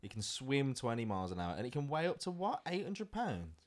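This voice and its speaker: A man's voice: mid-range voice, sing-song, a little fast. A man co-hosting a podcast, telling stories in a laid-back, swearing chat. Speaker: podcast co-host. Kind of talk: casual chat.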